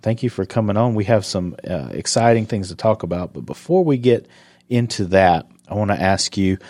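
A man's voice: fairly low pitch, animated, moderate pace, a little mellow, dry recording. A man from South Carolina hosting a county podcast interview, easygoing and teasing, often restarting his sentences. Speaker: podcast host. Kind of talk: casual interview chat.

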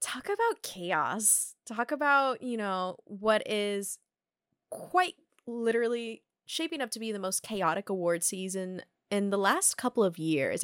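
A young woman hosting a casual film podcast, chatty and quick to laugh, with plenty of fillers. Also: mid-range voice, dry recording, studio quality. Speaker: podcast host.

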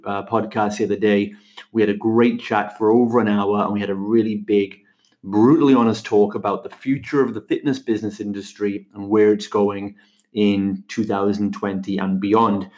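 A middle-aged man from the UK, talking in an upbeat, energetic way as a guest on a podcast interview. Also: fairly low pitch. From United Kingdom. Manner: energetic, upbeat, quick answers. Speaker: guest, fitness business mentor.

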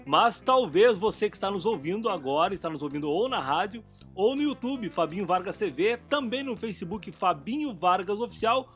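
High-voiced upbeat radio host man. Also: expressive, a bit bright, soft background music. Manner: upbeat, chummy, rapid-fire banter. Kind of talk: live radio interview. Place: radio studio.

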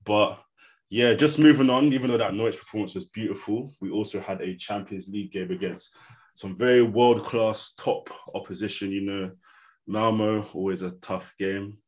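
Low-voiced London man, roadman slang. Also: fairly even intonation, normal speed, a little mellow. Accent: London, urban street slang. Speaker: podcast host. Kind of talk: casual football chat.

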